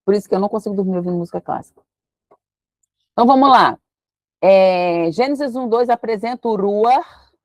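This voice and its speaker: A woman's voice: mid-range voice, lively intonation, a little fast, pauses often, darkish tone, no echo. A woman, teaching a casual Bible study and thinking aloud as she reads verses. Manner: chatty, thinks aloud while reading verses.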